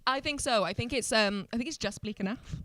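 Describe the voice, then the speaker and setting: A woman's voice: a little high, fairly quick, a bit bright. A woman with a South Wales Valleys accent, chatting casually and comically as a stand-up comedian guest. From Blackwood, South Wales Valleys.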